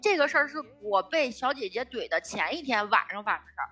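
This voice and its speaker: A woman co-hosting a casual podcast chat, telling a story in an animated, blunt way with some swearing. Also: a little high, quick pace, breathy edge, dull audio, faint music behind. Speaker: podcast co-host.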